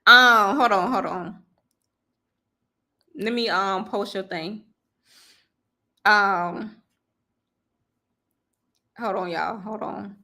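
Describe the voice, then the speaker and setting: A woman's voice: mid-range voice, drawn-out words, long pauses, bright, forceful tone. A woman hosting a live online workshop, chatting casually with viewers, laughing easily and talking through her steps with lots of fillers. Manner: chatty, frequent fillers and restarts, addresses viewers directly. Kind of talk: casual live-stream teaching.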